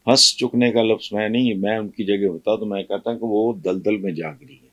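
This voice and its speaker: An older man from Pakistan giving fiery political commentary, scornful and scolding, with loud bursts of mockery. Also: on the low side, steady tone, no echo, lo-fi sound.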